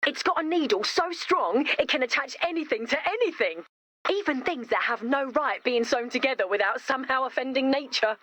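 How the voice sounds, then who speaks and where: A woman voices an eager young female inventor in an animated video game, sounding enthusiastic, emphatic, and cheerfully matter-of-fact about macabre things. Her voice sits high and brisk, with a proud, excited mood.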